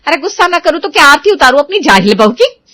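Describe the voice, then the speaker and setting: A woman's voice: sits high, big pitch swings, fast, bright, forceful tone, no room sound, exaggerated voice. A woman voicing a haughty, short-tempered middle-aged mother-in-law in a cartoon, scolding and mixing English phrases into her talk. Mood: angry.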